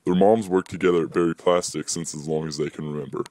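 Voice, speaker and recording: A man's voice: steady tone, fast talker, darkish tone, no echo. A young man reading his own short story aloud, lifting his voice for the dialogue. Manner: plain reading, voices dialogue with higher pitch.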